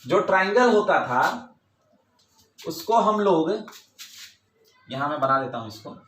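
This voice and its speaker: A man's voice: a little high, lively intonation, measured pace, fairly bright tone, echoey room, slight background noise. A male teacher giving a classroom lecture, who repeats key points with emphasis and mixes English terms into his Hindi.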